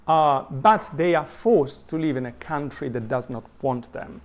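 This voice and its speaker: A man from southern Italy with an Italian accent giving an adult education lecture, thoughtful, pausing often with fillers and restarting his sentences as he reads and explains quotations. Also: a little high, animated.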